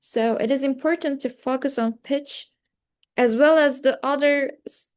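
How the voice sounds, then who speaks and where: A woman's voice: high-pitched, unhurried. A young woman giving a class presentation on pronunciation, hesitant and full of fillers like "like" and "uh". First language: Turkish. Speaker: student presenter.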